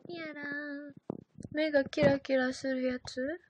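A woman's voice: sits high, little pitch movement, measured pace, heavy background noise. A young woman chatting casually on a livestream, reading out viewer comments and giggling often. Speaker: idol livestream host.

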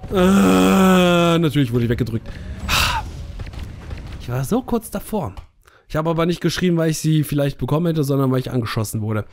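A man's voice: high-pitched, a little mellow. A young man casually commenting on a tank game he is playing, joking, teasing opponents and repeating words in a sing-song way. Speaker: gaming streamer. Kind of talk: casual let's play commentary.

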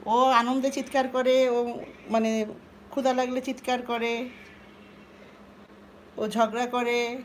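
A woman's voice: on the high side, little pitch movement, slow pace, long pauses, slight background noise. Chatty woman coaxing her cats. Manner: coaxing baby talk to pets, chatty asides to viewers. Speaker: vlogger talking to her cats. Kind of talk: casual live vlog chat. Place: home indoors by a sliding glass door.

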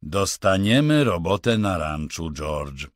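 A man voicing a slow, childlike giant of a man who talks in a simple, halting, eager way. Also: sits low, big pitch swings, no echo, studio quality, full character voice.

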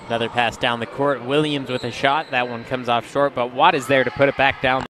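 A man calling basketball play-by-play, excited on each made shot. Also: medium pitch, brisk, noisy background. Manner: energetic, excited calls on made shots. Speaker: play-by-play commentator.

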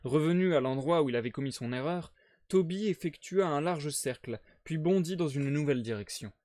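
Man reading a novel aloud, fairly high voice. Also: brisk, dry recording. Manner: steady, clear storytelling narration. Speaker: reader.

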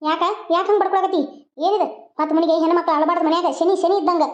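A woman's voice: very high-pitched, fairly even intonation, quick pace. A woman voicing a bitter, taunting village mother-in-law. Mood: scolding. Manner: taunting, scolding.

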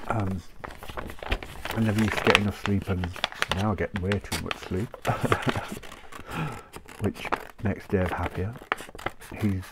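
Heavy background noise and close paper crinkling surround this craft channel host, whose fairly low voice moves slowly with long pauses. Coughing from his chest, he rambles and laughs a lot while cutting paper at his desk.

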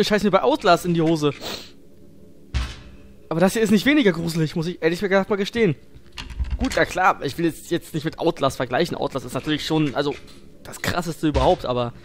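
Male let's player, scared and jumpy horror game commentary, fairly high-pitched, crude casual slang, noisy background. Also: expressive, fairly quick, long pauses. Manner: crude, slangy, self-deprecating joking. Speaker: let's play streamer.

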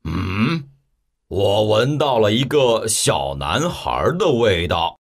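A hungry storybook giant rumbles very low and slow, grunting and sniffing as he speaks, put on by a woman. His growl swoops widely for effect. The voice has a breathy edge. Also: sing-song, full character voice. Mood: gruff, menacing. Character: huge hungry male giant, gruff and greedy. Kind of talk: children's storybook acting.

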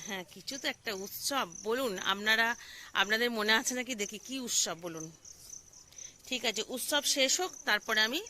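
A woman's voice: on the high side, sharp tone, slight background noise. A middle-aged woman hosting a casual home vlog from her kitchen, chatty and keeps asking viewers questions as if they were friends. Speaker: vlogger host. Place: home kitchen and dining room.

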